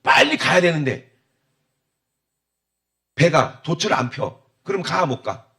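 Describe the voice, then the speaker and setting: A male pastor preaching a sermon, firing rhetorical questions at the congregation and calling for amens, swinging from loud exclamations to low muttered asides. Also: lively intonation, takes it slowly. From South Korea.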